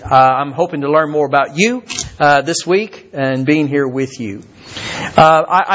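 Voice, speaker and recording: An older man from Kentucky preaches a sermon, stumbling over his words and repeating them. His voice sits slightly high. The recording is dull and muffled. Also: fairly bright tone. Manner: halting, repeats words with many fillers. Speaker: visiting preacher.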